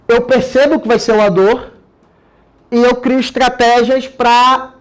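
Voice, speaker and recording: A man's voice: very high-pitched, little pitch movement, measured pace. A Brazilian man talking casually and energetically about how he prepares himself, with frequent tag questions and slang. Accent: Brazilian Portuguese. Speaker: course participant sharing his method. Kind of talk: casual explanatory talk.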